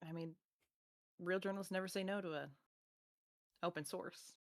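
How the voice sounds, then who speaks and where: A woman's voice: fairly low pitch, steady tone, fast, dry recording, clean studio sound. A woman playing a tabletop role-playing game, speaking casually and jokingly with many fillers. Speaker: player. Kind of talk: tabletop role-play, in and out of character.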